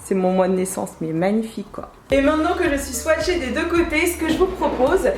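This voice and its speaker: A woman's voice: high voice, brisk, slight background noise. Bubbly young woman vlogger, echoey room. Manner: bubbly, chatty, excitable. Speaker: beauty vlogger. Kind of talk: casual beauty vlog. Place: indoor room at a makeup table.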